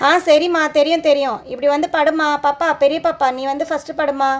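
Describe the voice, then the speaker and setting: A woman gives voice to a patient adult nurse doll in a doll show, soothing and coaxing a frightened child while explaining things step by step. Her high-pitched voice is close to everyday speech, fairly quick, with fairly even intonation and a coaxing mood.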